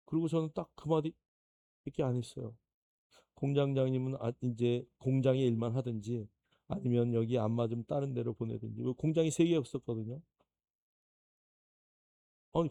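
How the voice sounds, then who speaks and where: A male pastor preaches in a lively storytelling way and acts out the voices of the people he describes. His voice sits a bit high for a man, yet it is warm and gravelly. The sound is dry and close. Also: no room sound. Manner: animated storytelling, acting out quoted people, laughing. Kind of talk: anecdotal sermon lecture.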